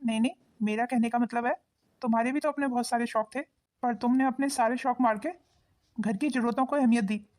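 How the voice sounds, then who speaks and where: A woman voicing a husband in a cartoon, talking in a quick, lecturing manner. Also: fairly high pitch, fairly even intonation, darkish tone, lightly acted. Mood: warm. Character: husband, a grown son of the family.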